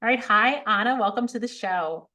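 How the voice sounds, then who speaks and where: A woman's voice: mid-range voice, normal speed, pushed and bright. A middle-aged woman hosting a podcast over a video call, chatting casually and enthusiastically with fillers and little laughs. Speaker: podcast host. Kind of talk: casual interview chat on a call.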